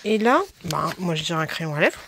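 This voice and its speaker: A woman's voice: lowish voice, animated, fairly quick, fairly bright tone. A French woman unboxing makeup at home, talking straight to her viewers. Her voice swings up and down a lot, bubbling and gushing as she squeals over small finds, with a faint hiss behind her. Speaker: beauty haul vlogger. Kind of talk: casual unboxing chat.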